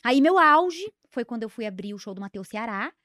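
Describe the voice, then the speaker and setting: Quick-talking woman telling stories. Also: fairly high pitch, no echo, studio quality. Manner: animated storytelling, acting out family dialogue with laughs. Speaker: podcast guest, comedian. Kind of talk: casual chat.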